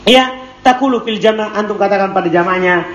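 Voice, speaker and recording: A male teacher of Arabic morphology, high-voiced and fast-talking, leads a call-and-response classroom lesson. He reads a text aloud, translates it, and quizzes his students. The room is echoey, with faint background noise.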